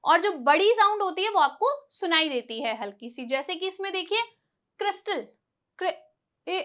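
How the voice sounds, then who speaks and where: A woman teaching a lesson, asking questions and answering them herself, repeating each example word slowly. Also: extremely high pitch, pushed and bright. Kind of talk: classroom-style lesson.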